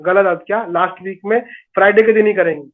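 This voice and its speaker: A man's voice: sits high, steady tone, fast. A man giving a motivational business training talk, coaxing and repeating phrases for emphasis. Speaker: network marketing trainer. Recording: tinny phone-like sound.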